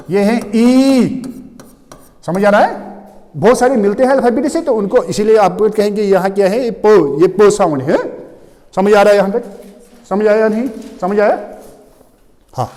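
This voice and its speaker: High-voiced male teacher in a reverberant hall. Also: a little mellow. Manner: mixes Hindi and English, keeps asking if students understand; reads definitions slowly and deliberately. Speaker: English teacher. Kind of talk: classroom lecture.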